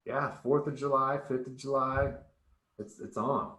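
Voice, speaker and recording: A man's voice: medium pitch, fairly even intonation, measured pace, a bit bright, echoey room. A man coaching a group on nutrition in a casual, upbeat way, rambling a little and often restarting words.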